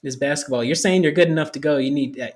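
A man's voice: a little high, fast. Opinionated man in casual sports chat. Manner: slangy, opinionated. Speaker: basketball podcast panelist.

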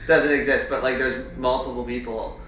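A man's voice: mid-range voice, level tone, moderate pace, a bit bright, far from the mic, a little hiss or hum. A man co-hosting a casual podcast in a laid-back, wry way, laughing often. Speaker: podcast co-host. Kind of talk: casual chat. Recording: echoey room.

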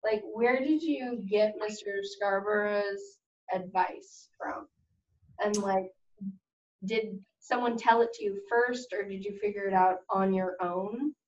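A woman's voice: mid-range voice, slow pace, slight background noise. A teenage girl in a student book club asking an author questions over a video call, giggling eagerly. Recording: distant muffled echoey room.

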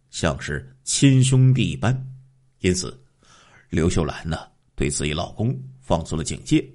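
A man's voice: on the low side, darkish tone. A man narrating a story in a dramatic oral storytelling style, drawing out phrases. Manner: dramatic, drawn-out phrasing with filler particles.

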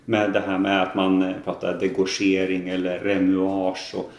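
A man from Gothenburg with a softened Gothenburg accent, chatting and explaining at length as a podcast co-host, with lots of fillers. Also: sits low, monotone, roomy sound, dull audio. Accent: Gothenburg Swedish, softened. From Gothenburg, Sweden. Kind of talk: casual chat.

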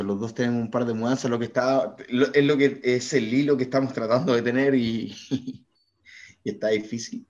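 A man's voice: medium pitch, a little mellow. A young man with a Chilean Spanish accent, co-hosting a podcast in casual banter, joking, swearing and arguing. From born in Brazil, raised in Chile. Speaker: podcast co-host. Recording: dull lo-fi sound.

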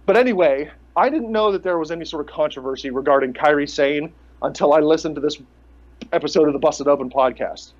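A man's voice: a little high, fast. A man co-hosting a casual podcast, rambling and ranting with sarcastic, profane asides. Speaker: podcast co-host. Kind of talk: casual rant about pro wrestling. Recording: dull lo-fi podcast audio.

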